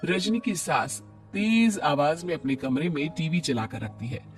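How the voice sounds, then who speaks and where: A man narrating a cartoon story in a measured storytelling manner. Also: a little high, lively intonation, soft background music.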